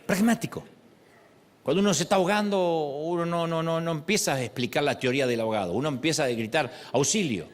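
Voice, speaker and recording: A middle-aged man preaching a sermon as a pastor, expressive and acting out quoted prayers. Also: on the high side, quick pace.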